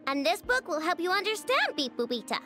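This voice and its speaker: A woman's voice: extremely high pitch, very animated, a little fast, sharp tone, faint music behind, full character voice. An actress voicing a confident young girl inventor in a video game, speaking in a breezy, casual, matter-of-fact way.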